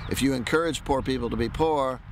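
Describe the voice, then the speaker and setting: A middle-aged American man with a gravelly, creaky voice at an ordinary pitch. He talks off the cuff in a hesitant, rambling way, stopping to find his thread. He is recorded outdoors, with light ambient traffic noise behind him. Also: a little fast. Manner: rambling, hesitant, self-interrupting. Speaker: amateur writer pitching a movie idea. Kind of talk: casual unscripted monologue to camera. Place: outdoors in an open grassy park.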